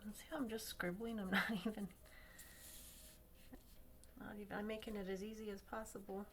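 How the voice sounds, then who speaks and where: A woman's voice: medium pitch, level tone, normal speed, a bit bright, a little hiss or hum. A woman hosting a craft tutorial, talking casually as she colors and thinking aloud, sometimes dropping to a near-whisper. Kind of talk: casual demo narration while coloring.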